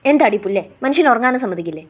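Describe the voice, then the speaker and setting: A woman's voice: on the high side, lively intonation, very fast, husky. A woman voicing a teasing, affectionate young husband in a storybook reading, with playful scolding. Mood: grumpy.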